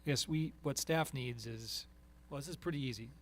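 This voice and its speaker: A man chairing a city planning meeting, brisk and pragmatic, steering the talk toward narrowing options. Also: medium pitch, slight background noise. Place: council meeting room.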